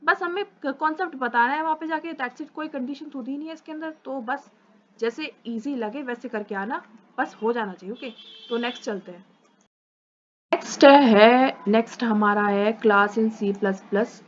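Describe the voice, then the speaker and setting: A young woman teaching programming in a casual, brisk and reassuring lecture, mixing English terms into her speech. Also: fairly high pitch, a little hiss or hum. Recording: dull lo-fi recording.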